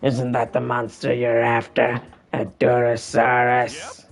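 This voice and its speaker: A man's voice: mid-range voice, monotone, slow, vocal fry, faint music behind. A man voicing a polite female alien traveler, reading game dialogue aloud in a formal, stilted way. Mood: curious.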